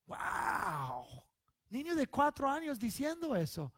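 A male pastor delivers his sermon in a high, clear voice, taking his time over each phrase. His preaching is emphatic and swells to loud stressed lines. The sound is close and dry, with hardly any room in it. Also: unhurried, dry recording.

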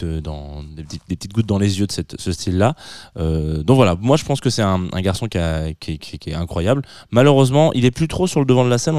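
A man's voice: low voice, dark tone, no room sound, clean studio sound. A man hosting a music show on the radio, presenting tracks in a chatty, enthusiastic way with a light self-mocking humor. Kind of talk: casual on-air music presentation.

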